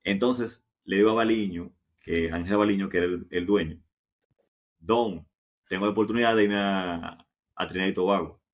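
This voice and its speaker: A man's voice: low voice, moderate pace. A man with a Dominican Caribbean Spanish accent tells anecdotes casually as an interview guest, repeating himself and tossing in rhetorical questions. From Dominican Republic. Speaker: interview guest, professional football goalkeeper.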